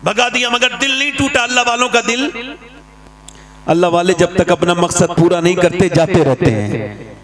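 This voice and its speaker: A man with a high voice preaches a fervent sermon, swinging from quiet storytelling into loud shouting. A large crowd can be heard around him. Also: animated. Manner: impassioned, rising to shouting climaxes.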